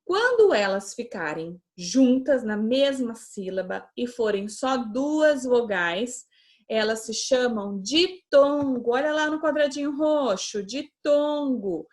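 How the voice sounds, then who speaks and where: A young woman teacher with a Brazilian Portuguese accent gives a patient class to children, drawing out her example words slowly and often checking in with them. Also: on the high side, expressive. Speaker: schoolteacher. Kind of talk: remote class lesson for children.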